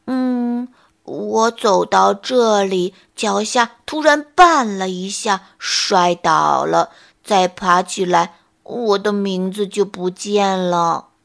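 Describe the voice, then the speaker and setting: A woman voicing a clumsy, worried young male bear in a bedtime story, speaking slowly and haltingly. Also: mid-range voice, creaky, fairly bright tone, pitched below the performer's own voice. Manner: slow, halting and fretful.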